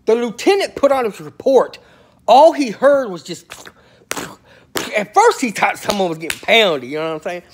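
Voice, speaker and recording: A man telling comic prison stories in a slangy, animated way, swinging between loud and soft. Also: sits high, normal speed, a little hiss or hum. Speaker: storyteller about prison life. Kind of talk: comedic storytelling monologue.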